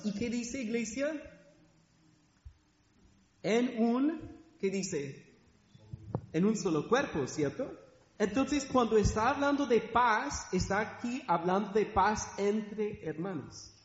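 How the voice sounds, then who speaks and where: A middle-aged man preaching a sermon in a church hall, asking the congregation rhetorical questions. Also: high-pitched. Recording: echoey hall, dull sound.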